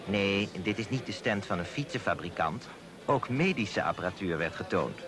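A man giving formal, measured scripted voice-over narration for a documentary. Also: on the low side, lively intonation, crowd noise. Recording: voice-over with loud music behind.

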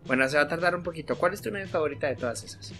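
A woman with a Mexican accent playing a video game alongside a child, coaxing, cheering and yelling at enemies. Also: low voice, racing. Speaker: gaming channel host. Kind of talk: casual gameplay chat with a child. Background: game music.

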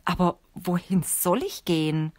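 A woman's voice: fairly low pitch, expressive, unhurried, darkish tone, no echo, studio quality. A woman reading the lines of an anxious young male apprentice, pleading and questioning, in an audiobook.

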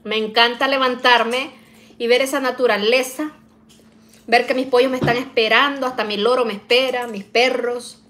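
Middle-aged woman, home kitchen vlogger, chatty and folksy, slightly high voice. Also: fairly even intonation, normal speed, a bit bright. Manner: chatty, addresses viewers as "niñas", frequent "¿verdad?" tags. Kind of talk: casual chat while cooking.

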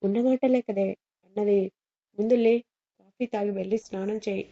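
A woman's voice: medium pitch, fairly even intonation, normal speed, dark tone, natural voice. A woman voicing a shy young newlywed wife who scolds lightly and sounds flustered, in a storybook reading on dull lo-fi audio. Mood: teasing.

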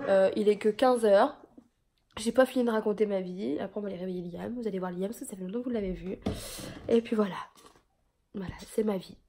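Gravelly sniffly young mum vlogging. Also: female voice, slight background noise. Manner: rambling, chatty, often drops to a soft low voice. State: sniffling with a cold. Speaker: vlogger, mother of two young boys. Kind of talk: casual chatty home vlog.

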